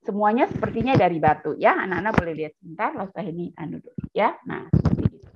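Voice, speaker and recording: A woman's voice: mid-range voice, lively intonation, fast, heavy background noise. A woman teaching a children's Bible lesson over a video call, telling the story animatedly and talking straight to the kids. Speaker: children's Sunday school teacher. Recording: dull lo-fi video call audio.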